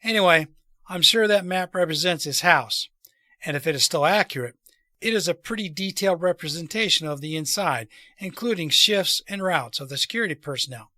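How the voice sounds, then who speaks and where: An earnest male revolutionary read by a man lays things out deliberately. The voice is bright and a little high for a man. It is a storybook character, recorded very dry. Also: expressive, dry recording. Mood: persuasive. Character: earnest male revolutionary plotter persuading wary allies.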